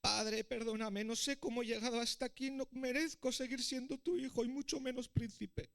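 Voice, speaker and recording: Joven príncipe arrepentido y suplicante, hecho por un hombre con acento de España; voz aguda. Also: male voice, high-pitched, lively intonation, normal speed, vocal fry, warm tone, voice pushed up. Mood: pleading. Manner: pleading, desperate. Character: young repentant prince, ashamed.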